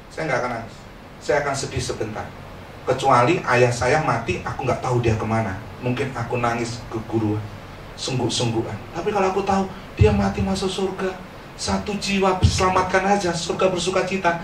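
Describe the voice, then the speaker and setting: A middle-aged man, a pastor, preaching a lively, joking sermon and calling on the congregation to say amen. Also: sits high, brisk, a little hiss or hum. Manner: lively and joking, calls for amens. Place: church. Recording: echoey church hall, distant mic.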